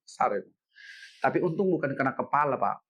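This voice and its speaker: A middle-aged man, a guest telling a story in an interview, animated, repeating himself and ending lines with "Pak". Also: mid-range voice, quick pace. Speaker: head of city education office, guest.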